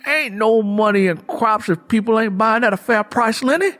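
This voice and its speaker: Over soft background music, a man pushes his naturally high, fairly bright voice up at a moderate pace to play a proud, hot-tempered young farmer who drinks. The dramatised audiobook dialogue comes out angry and bitter, combative and full of folksy rural speech.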